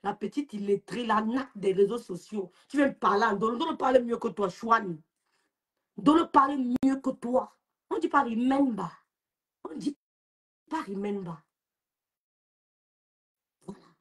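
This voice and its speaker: A young Cameroonian woman speaks in a husky, slightly high voice, taunting and scolding someone in a live-stream rant. Her Cameroonian French accent stays clear as she mocks and lectures without letting up. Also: normal speed, a bit bright. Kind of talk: social media live rant.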